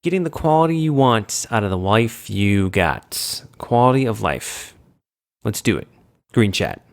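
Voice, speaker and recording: A man's voice: lowish voice, big pitch swings, measured pace, gravelly. A man with a cold hosting a casual gaming chat, rambling and poking fun at himself as he loses his train of thought. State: sick with a cold. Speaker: gaming show host.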